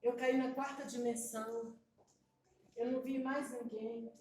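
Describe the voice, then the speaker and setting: A woman's voice: a little high, little pitch movement, unhurried, darkish tone, a little hiss or hum. A middle-aged woman from Brazil giving an emotional, confiding testimony to her congregation. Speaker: preacher. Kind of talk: testimony sermon. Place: church hall. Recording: echoey church hall, mic far off.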